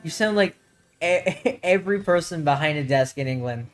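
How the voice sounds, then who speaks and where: A man's voice: fairly high pitch, animated, normal speed, soft background music. A man co-hosting a casual podcast chat, joking and rambling with frequent laughs. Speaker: podcast co-host.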